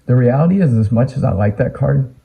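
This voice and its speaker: A man with a raspy, worn-out voice, hoarse from a week of teaching, chatting casually and earnestly to camera with lots of ums as he talks about his card collection. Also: mid-range voice, lively intonation, fairly quick, mellow. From Atlanta, United States. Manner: rambling, earnest, many ums. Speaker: sports card collecting YouTuber. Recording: phone-like narrow sound.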